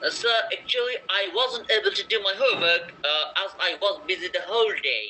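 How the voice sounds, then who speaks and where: A man reading a student's part in a textbook dialogue, slowly, in an attempted British accent. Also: sits high, expressive, pushed and bright, slight background noise, pitched above the performer's own voice, heavily acted, poor audio. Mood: apologetic. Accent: attempted British English. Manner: slow, careful demonstration reading. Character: young male student apologizing to a teacher.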